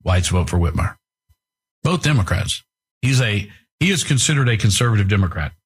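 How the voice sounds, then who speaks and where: A man's voice: lowish voice, sing-song, moderate pace, slightly rough. An American man talking as a shock jock radio host, blunt and provocative with emphatic repetition.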